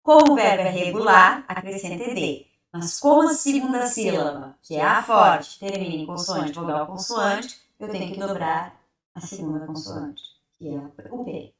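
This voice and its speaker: A woman teaching an English grammar lesson who explains step by step, asks and answers her own questions, and reads the example sentences out slowly. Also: on the low side, expressive, a bit bright. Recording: very echoey room, heard from a distance.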